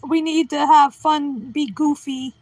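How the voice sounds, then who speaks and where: A woman's voice: sits high, fairly even intonation, measured pace, darkish tone, no room sound, rough recording. A middle-aged woman hosting a casual livestream at home, answering chat and cracking goofy, self-deprecating puns. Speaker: livestream host reading chat.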